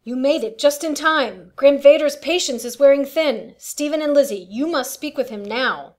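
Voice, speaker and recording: A woman's voice: sits high, moderate pace, lightly acted. A woman playing an anxious queen and mother in a family radio play, earnest, urgent and formal.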